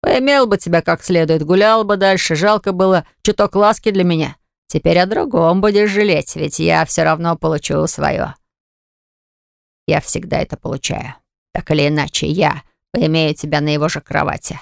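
A reader voicing a crude, menacing male thug who threatens slowly and with a sneer, in a dry, close audiobook recording. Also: creaky, dry recording. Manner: slow, low, sneering menace.

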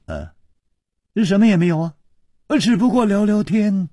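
A man's voice: high voice, expressive, moderate pace, mellow, breathy edge, no room sound, clean studio sound, pitched above the performer's own voice. A male storyteller voicing a witty young swordsman hero who talks in a playful, teasing way with bursts of laughter.

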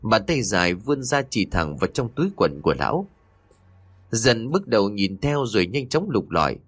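A man narrates a ghost story with dramatic expression. His low, husky voice moves through a lively pitch range, recorded close and dry. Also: no room sound. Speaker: audiobook narrator.

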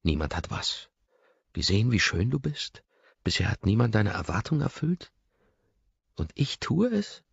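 A man's voice: on the low side, big pitch swings, measured pace, gravelly, long pauses, breathy edge, no room sound, lo-fi sound, voice pushed up, exaggerated voice. A man playing an intense, controlling young man. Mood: pressing, agitated.

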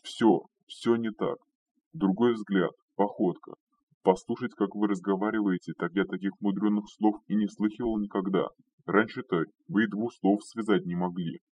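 A man's voice: lowish voice, fairly even intonation, normal speed, a little mellow, slightly rough. A man voicing a loyal male retainer who pleads and speaks hesitantly, recorded distant and dull. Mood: humble, hesitant.

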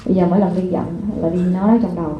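A woman's voice: lowish voice, racing. Woman lecturing in an echoey hall. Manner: lively, addresses the audience with repeated rhetorical questions. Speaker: parenting seminar speaker. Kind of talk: live seminar talk to an audience. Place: lecture hall before an audience. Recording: echoey hall over a phone-like line, faint noise.

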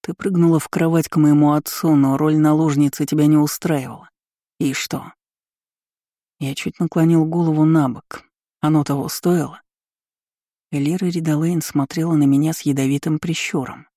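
A male narrator reads a story in the first person with a measured, sardonic delivery. His voice sits fairly high yet sounds mellow. The recording is dry and close. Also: fairly even intonation, no echo. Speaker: audiobook narrator.

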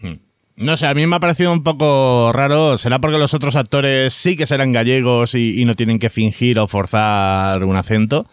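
A man talks casually on a podcast, rambling through his thoughts with fillers and restarts. His voice is smooth and resonant, at a middling pitch. The sound is dry and close. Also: fairly even intonation, normal speed, dry recording. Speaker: podcast co-host. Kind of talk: casual chat about TV series.

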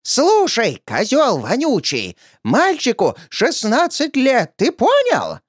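A man voicing a furious old woman who screeches threats in a shrill, drawn-out yell. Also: wildly swooping pitch, dry recording, studio quality, heavily acted. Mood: vicious. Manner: drawn-out hysterical yelling.

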